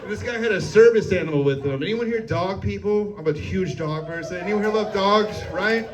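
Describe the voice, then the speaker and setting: Brash, high-voiced comedian working a crowd. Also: male voice, a little fast, music in the background. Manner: brash, crude crowd work, laughs at own jokes. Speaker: stand-up comedian. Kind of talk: stand-up comedy set. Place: comedy club stage before a live audience. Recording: live club recording, a bit far from mic, crowd audible.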